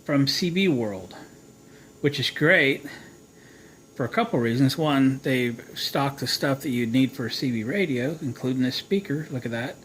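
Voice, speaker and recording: A medium-pitched, somewhat bright American man hosts a repair how-to video at a moderate pace. He talks in a relaxed, folksy manner and thinks aloud while demonstrating. The audio is poor, with clear background noise.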